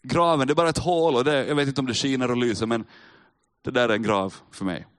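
A man's voice: medium pitch, fairly even intonation. A man preaching a sermon to a live congregation, talking casually and straight to his listeners, and pressing harder on key points. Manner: conversational, addresses listeners directly, rises in emphasis. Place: church with a live audience.

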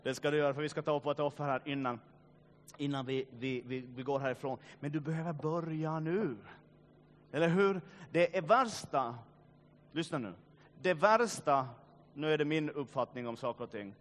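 A man preaching a sermon, swinging between loud urging and quiet, grave passages, with joking asides to the congregation. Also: a little high, slight background noise. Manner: joking asides, addresses listeners directly. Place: church meeting.

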